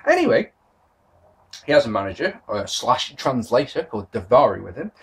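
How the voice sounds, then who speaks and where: A man's voice: medium pitch, sing-song, normal speed, husky. A British man in his thirties giving a sarcastic, sweary wrestling review to a webcam in his bedroom. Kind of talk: casual video review. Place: bedroom with posters, indoors.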